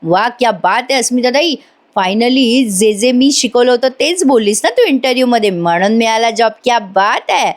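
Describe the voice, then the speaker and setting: A cheerful young man from a TV serial jokes with and cheers on his friend, voiced by a woman recapping the show. The voice stays fairly high. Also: moderate pace, close to an everyday voice.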